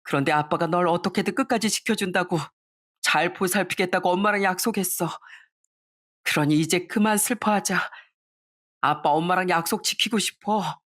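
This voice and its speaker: A woman's voice: lowish voice, normal speed, a bit bright. A woman voicing a grieving middle-aged father who pleads with his daughter through tears. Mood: tearful. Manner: choked, tearful pleading.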